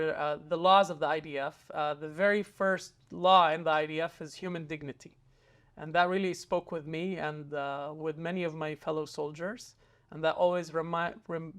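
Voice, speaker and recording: Sharing a personal story as an interview guest, a young man from Israel speaks earnestly but hesitantly, with lots of fillers and restarts. His voice is fairly high-pitched and a bit bright.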